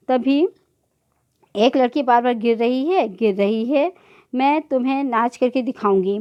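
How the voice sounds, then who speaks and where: A woman teacher reading a children's play aloud to a class, voicing each character's lines in turn. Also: a little high. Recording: dull lo-fi recording.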